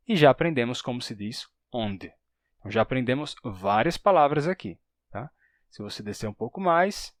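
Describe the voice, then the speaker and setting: A man's voice: mid-range voice, no echo, studio quality. A man with a Brazilian Portuguese accent teaches a language lesson step by step and keeps checking in with the listener. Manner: explains step by step, often checks in with "né?".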